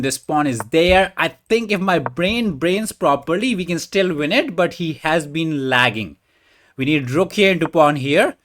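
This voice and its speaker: A young man talks through his chess moves in quick bursts, slangy and joking, his voice set a little high. He jumps up in pitch when he gets excited and drops low when he mutters, so the commentary swings around. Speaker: chess streamer. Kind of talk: live game commentary.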